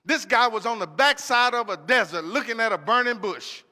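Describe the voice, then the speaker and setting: A man's voice: very high-pitched, animated, moderate pace, bright, forceful tone, in a large hall. A man preaching a sermon, emphatic and repetitive, asking questions and answering them himself. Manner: emphatic, repetitive call-and-response.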